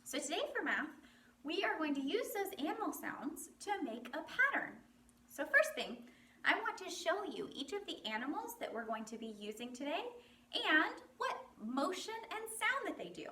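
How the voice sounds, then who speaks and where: A woman teaching a children's lesson, playful and animated, acting out animal sounds. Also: high-pitched, moderate pace, slight background noise. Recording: roomy, from a distance.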